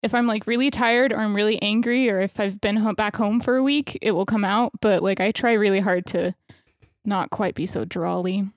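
A woman's voice: mid-range voice, steady tone, moderate pace, dry recording. Young West Texas woman, dry sound. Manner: chatty storyteller who keeps her drawl in check. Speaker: podcast co-host. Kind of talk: casual chat.

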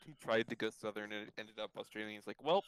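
A man's voice: fairly low pitch, completely flat delivery, fast talker, fairly bright tone, clear, resonant tone, poor audio. A man chatting about a film on a podcast, hesitant and self-deprecating. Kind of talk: casual film discussion.

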